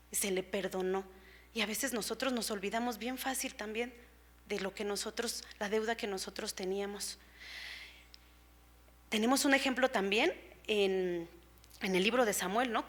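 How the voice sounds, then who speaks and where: A woman's voice: mid-range voice, moderate pace, fairly bright tone. A woman preacher giving a sermon in an earnest, explanatory way, with rhetorical questions and frequent fillers, in a church.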